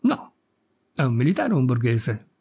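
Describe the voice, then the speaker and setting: A man reading the lines of a timid young woman companion, quiet and meek. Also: medium pitch, very animated, moderate pace, breathy edge.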